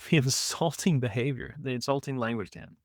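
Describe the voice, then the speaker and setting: A man's voice: medium pitch, brisk, dry recording, studio quality. A man hosting a reaction video, commenting emphatically on a debate clip and asking rhetorical questions.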